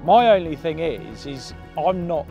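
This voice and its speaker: A British man in his thirties chatting casually to camera as an angler, in a calm, easygoing, unhurried manner. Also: on the high side, dull audio. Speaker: angler presenting a fishing challenge. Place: outdoors on a lake bank. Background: music.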